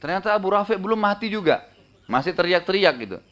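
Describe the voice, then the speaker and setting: A man preaching a storytelling sermon, conversational and animated, often tagging sentences with casual fillers. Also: sits high, quick pace. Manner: conversational, frequent tag fillers; animated retelling, raising voice for dramatic moments. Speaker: Islamic preacher.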